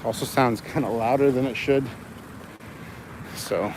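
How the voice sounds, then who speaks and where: This livestream host speaks in an unhurried, medium-pitched voice with a slightly mellow quality. He wanders city streets near traffic, chatting loosely with jokes and swearing. Cars going by fill the recording with street noise.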